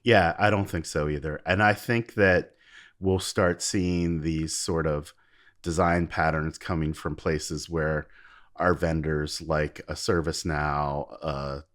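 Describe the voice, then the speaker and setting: Casting: male co-host, very low voice, hesitant, thinks out loud. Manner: thinking aloud, many fillers and restarts. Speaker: podcast co-host. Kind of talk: casual podcast chat.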